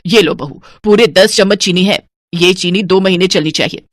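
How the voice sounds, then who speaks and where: A woman's voice: lowish voice, moderate pace, no echo, clean studio sound, close to an everyday voice. A woman voicing a stingy, scheming old mother-in-law in a cartoon, with a scolding, penny-pinching manner.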